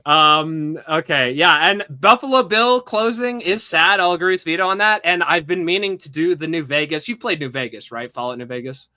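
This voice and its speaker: Male podcast host, sharp high voice, cussing rants in casual chat. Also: lively intonation, moderate pace, hardly any pauses, dry recording. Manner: profane, ranting, mimics other people.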